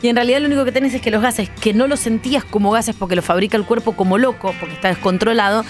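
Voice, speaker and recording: A woman's voice: a little high, steady tone, very fast, faint music behind. A woman with a Rioplatense Spanish accent co-hosting a radio show, chatty and given to dramatic exclamations. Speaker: radio co-host. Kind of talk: lively studio banter.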